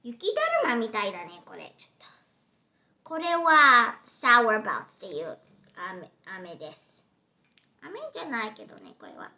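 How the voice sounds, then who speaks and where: A woman's voice: fairly high pitch, big pitch swings, normal speed, bright, forceful tone, highs cut off. A young girl casually reviewing candy at a home table, chatty and giggly, now and then slipping into English phrases. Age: child.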